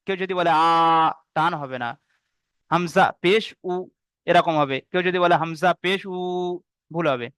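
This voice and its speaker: A man teaching Arabic letter reading in an online video-call class, sounding out each letter slowly and then explaining the rules. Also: high-pitched, a bit bright, smooth, no echo. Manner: slow drawn-out drilling of letter sounds.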